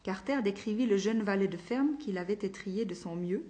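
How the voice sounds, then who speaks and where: A woman reading a story aloud at an even, measured pace. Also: mid-range voice. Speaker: narrator.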